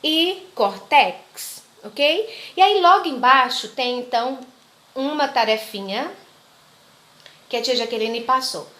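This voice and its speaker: A woman's voice: sits high, expressive, takes it slowly, a bit bright. A woman teacher, giving a grammar lesson to children, patiently repeating examples and checking in often.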